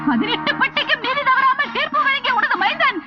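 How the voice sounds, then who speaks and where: An actress playing the sharp-tongued wife of a village headman, scolding him and lamenting in mock-formal speech. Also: very high voice, a little fast, loud music behind the voice. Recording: dull film soundtrack.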